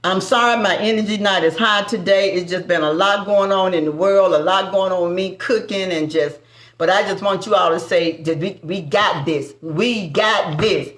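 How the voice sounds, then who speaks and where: A woman's voice: lowish voice, moderate pace, fairly bright tone, roomy sound. A woman with a Southern accent hosting a live cooking stream. She banters with viewers and calls them baby and family. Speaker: cooking show host.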